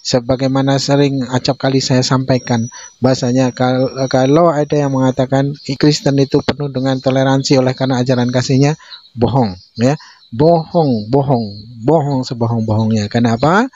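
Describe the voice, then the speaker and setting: A man's voice: medium pitch, steady tone, moderate pace, darkish tone. Male host, preachy commentary, repetitive tag words, muffled lo-fi sound. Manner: repetitive, tags sentences with "ya". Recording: muffled lo-fi audio.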